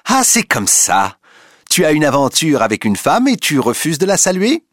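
A man's voice: high voice, sing-song, takes it slowly, husky, voice pushed up, heavily acted. A man voicing a furious jilted woman. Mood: furious mocking. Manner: shouting, mocking.

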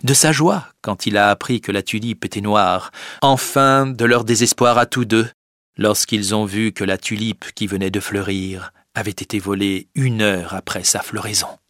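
A man narrating a storybook tale in a plain, steady way. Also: lowish voice, normal speed, no echo, clean studio sound. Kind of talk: storybook reading.

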